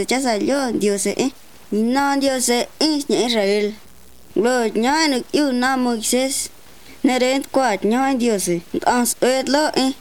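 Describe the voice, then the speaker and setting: A woman's voice: a little high, smooth. A woman giving a religious talk and prayer in repetitive, chant-like phrases.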